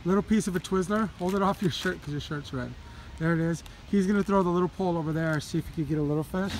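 Dad vlogger, 40s, casual and rambling, phone mic at arm's length, faint background noise. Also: male voice, high-pitched, fast. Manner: relaxed, rambling with many ums. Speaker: fishing vlogger, father. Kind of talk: casual vlog narration. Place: inside a parked car, then outdoors on a river dock. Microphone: phone camera at arm's length.

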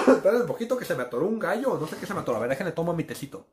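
A man's voice: sits high, sing-song, rapid-fire, reverberant, slight background noise. A man casually telling a story to his listeners, calling them friends and acting out the sound effects. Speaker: storyteller host.

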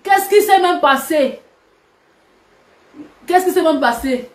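High-voiced woman scolding viewers. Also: animated, takes it slowly. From Cameroon. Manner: scolding, combative, mocking. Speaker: social media personality addressing subscribers. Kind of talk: live video rant. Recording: roomy echo.

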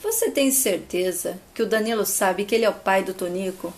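A woman voicing a grave, quiet woman giving earnest advice. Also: mid-range voice, fairly quick, voice pushed down, lightly acted.

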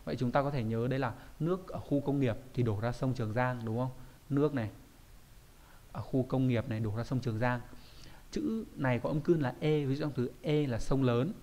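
A man's voice: mid-range voice, brisk, dark tone. A man teaching a kanji lesson, explaining patiently and often checking that listeners follow.

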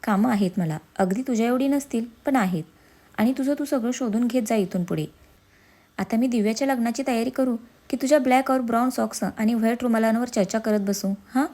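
A woman voicing a reproachful, sharp-tongued young wife in a storybook reading. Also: on the high side, moderate pace. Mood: sarcastic. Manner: reproachful, sarcastic.

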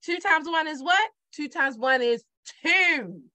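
A middle-aged woman with a Baltimore accent runs a casual multiplication lesson on a digital whiteboard, chatting away and repeating her questions to the viewer. Her high voice is animated, pushed and bright, and she takes a slow pace.

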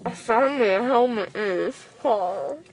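A woman's voice: on the high side, unhurried, darkish tone. A teenage girl speaking groggily and tearfully, her words muffled and slurred by a packed, bloody mouth after tooth surgery. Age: teenager, fourteen. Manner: groggy, childlike, tearful insistence. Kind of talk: casual chat. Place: outdoors, then inside a car. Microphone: phone held close. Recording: faint noise, handheld phone recording.

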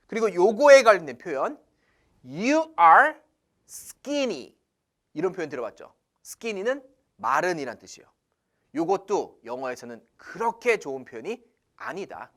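Male English teacher, casual lesson delivery, very lively pitch, asks and answers his own questions. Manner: animated, asks rhetorical questions then answers; switches into English phrases.

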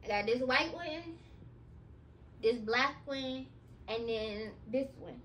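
Her voice is high, expressive, and a bit bright, moving at a slow pace with slight background noise. She's a woman in her twenties vlogging from a nursery at home, chatting to a camera on the floor as she sorts clothes and packs boxes.

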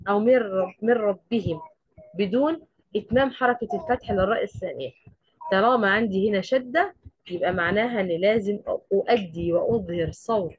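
With a slightly high voice and a breathy edge, the Egyptian-accented woman teaches tajweed as a Quran recitation teacher. She explains methodically, answering her own questions as she goes. The audio has no echo but its highs are cut off.

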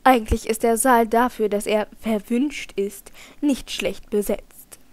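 A woman's voice: mid-range voice, fairly even intonation, normal speed, a little mellow, close to an everyday voice. A woman reading as a sardonic male opera director. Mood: mocking. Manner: mocking, dry. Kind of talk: audiobook character reading.

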